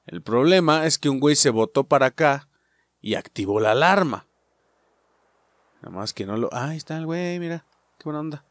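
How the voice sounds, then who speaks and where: Profane Mexican man gaming, lively pitch. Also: fairly quick, pauses often. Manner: profane, excitable, shouts at enemies. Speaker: gaming channel host. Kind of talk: let's play commentary.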